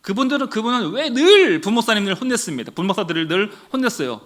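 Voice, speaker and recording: A male pastor from Daejeon preaching a sermon, telling stories to his congregation with animated delivery. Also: high voice. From Daejeon, Korea. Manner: animated storytelling, addressing the congregation.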